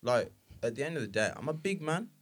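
A man's voice: medium pitch, sing-song, fairly quick. A man with a London roadman accent chatting casually in street slang, emphatic and insistently repeating his phrases. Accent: London roadman, multicultural London street English. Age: adult, married with children. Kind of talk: casual chat, slang-heavy.

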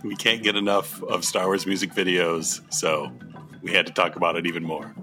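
Deep, bright-voiced male podcast co-host. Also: little pitch movement, normal speed, faint music behind. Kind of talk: casual fan podcast chat.

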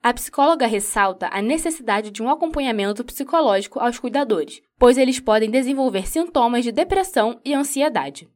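Female reporter, slightly high voice, calm measured news read. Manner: measured, even delivery.

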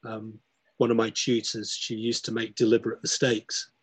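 A man's voice: lowish voice, completely flat delivery, moderate pace, breathy edge, no echo. A middle-aged man in casual chat, reflective and full of restarts as he tells a story. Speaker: podcast guest.

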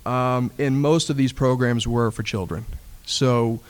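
A man speaking at a panel discussion in a measured way, with occasional fillers. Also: mid-range voice, steady tone, smooth.

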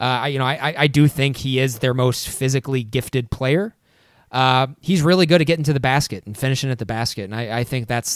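A man co-hosting a casual sports podcast, halting with many restarts. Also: medium pitch, smooth, dry recording, studio quality. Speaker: podcast co-host.

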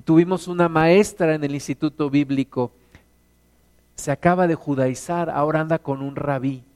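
A middle-aged Mexican man preaching a sermon as pastor, animated, acting out stories in put-on voices. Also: a little high, normal speed, smooth. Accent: Mexican Spanish.

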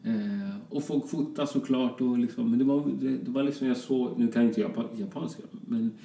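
A man's voice: mid-range voice, gravelly, mellow. A man from Colombia, a fashion designer guest, chatting casually with lots of fillers and restarts. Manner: rambling, many fillers and restarts. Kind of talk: casual interview chat. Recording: roomy echo, distant from mic.

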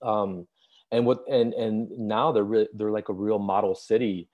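A man's voice: on the low side, level tone, measured pace. A man from Chicago speaking as a guest in a remote interview, thoughtful and hesitant with many ums. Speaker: visual artist guest. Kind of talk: remote interview over video call. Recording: dull lo-fi video call audio.

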